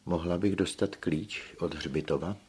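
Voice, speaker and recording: A man's voice: sits low, a little mellow, slightly rough. A man voicing a pale, shaken young girl, polite and breathless, in a storybook. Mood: quiet.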